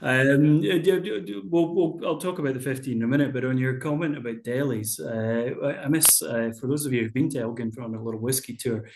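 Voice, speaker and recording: A man's voice: medium pitch, brisk, gravelly, few pauses, darkish tone. Man on a video call, echoey room. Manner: chatty, explanatory, with frequent fillers. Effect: video call audio. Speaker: whisky tasting host. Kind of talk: live online tasting over a video call. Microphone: computer mic on a video call.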